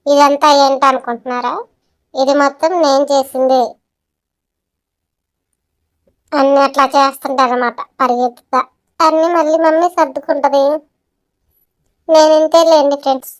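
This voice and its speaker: Cheeky whiny pet dog, voiced by a woman, high-pitched, gripes to camera. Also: natural voice. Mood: chatty. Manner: complaining, chatty address to viewers.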